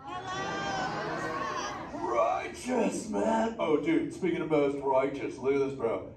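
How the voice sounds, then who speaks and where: A man's voice: sits high, lively intonation, takes it slowly, some chatter behind. Crush, a man doing a stoked surfer-dude sea turtle. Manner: slangy surfer drawl, stoked and playful. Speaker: live show character chatting with audience. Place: indoor theater show. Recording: echoey theater, distant, noisy.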